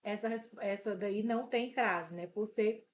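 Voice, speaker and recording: A woman teaching an exam review lesson, slow and patient, repeating each rule and checking in with the listener. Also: mid-range voice.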